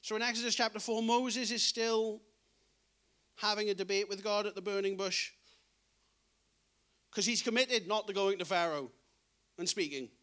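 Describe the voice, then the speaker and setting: High bright-voiced male preacher. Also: normal speed, long pauses. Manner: earnest, conversational, acts out scripture dialogue. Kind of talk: sermon.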